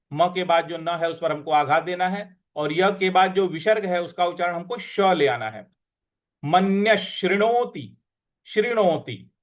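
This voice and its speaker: A man with a fairly high voice leads a recitation lesson at an unhurried pace. He sounds out each syllable with care and repeats words so students can copy him. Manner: slow, careful syllable-by-syllable pronunciation drill. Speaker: teacher.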